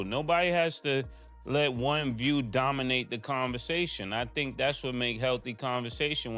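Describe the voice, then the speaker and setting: A man co-hosting a talk show, speaking conversationally in a measured, diplomatic way. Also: medium pitch, fairly bright tone.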